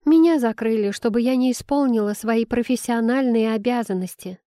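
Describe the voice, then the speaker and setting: A sly young palace steward teases a rival with wide-eyed mock innocence, as a woman reads her in an audiobook. Her voice sits higher and louder than the narration, still mellow and warm. The recording is dry and close. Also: normal speed, no room sound, natural voice. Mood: aggrieved.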